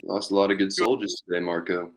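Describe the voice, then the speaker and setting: In a western table read, a man voices a menacing outlaw gang leader who was once a cavalry captain. He speaks low with little pitch movement, taunting and cold, in a deliberate way.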